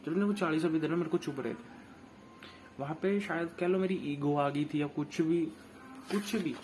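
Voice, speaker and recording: A man's voice: a little high, moderate pace, darkish tone, a little hiss or hum. A young man in casual chat, animatedly and indignantly retelling an office argument with lots of quoted back-and-forth. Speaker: storyteller recounting an office dispute.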